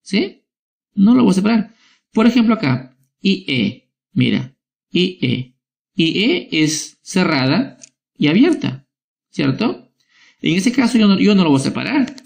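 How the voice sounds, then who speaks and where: A man's voice: high-pitched, sing-song, measured pace, creaky. A male schoolteacher giving a lesson to young children, spelling out words syllable by syllable and checking in with short tag questions.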